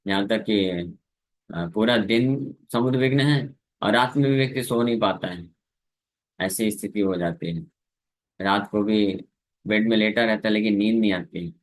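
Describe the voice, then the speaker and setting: A man preaching a scripture lecture, explaining Sanskrit verses in Hindi with English words mixed in and sometimes singing the verses. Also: lowish voice. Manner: sings verses slowly between spoken explanation.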